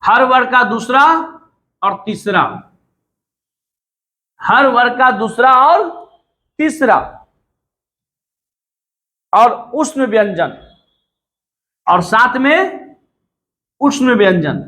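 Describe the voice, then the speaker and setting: A man's voice: very high voice, animated, extremely slow, long pauses, pushed and bright. A male teacher from India giving a classroom lecture, repeating phrases and drilling students to say sounds aloud.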